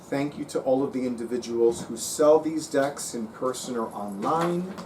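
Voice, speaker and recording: A man's voice: mid-range voice, normal speed. Chatty man in his fifties, a bit off-mic. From Cuban heritage. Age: 50s. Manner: animated, chatty, swears freely. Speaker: tarot reader and YouTuber. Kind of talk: casual vlog talk. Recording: voice a bit far from the mic, faint room noise.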